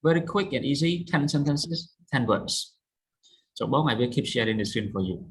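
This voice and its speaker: A man gives an online English lesson on vocabulary and pronunciation, patiently explaining words and checking that they're understood. His medium-pitched voice is animated and moderately paced, on a low-quality recording.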